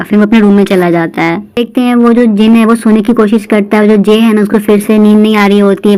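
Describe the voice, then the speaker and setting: A woman's voice: mid-range voice, a little mellow, rough recording. Woman narrating a show recap, chatty, just telling what happens scene by scene. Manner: retells each scene in quoted lines, plain conversational delivery. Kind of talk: casual storytelling recap.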